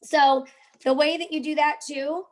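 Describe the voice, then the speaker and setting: A woman's voice: high-pitched, fairly even intonation, a little slow. A young woman hosting a casual live-stream tutorial, chatting with viewers in the chat as she walks them through social media tips.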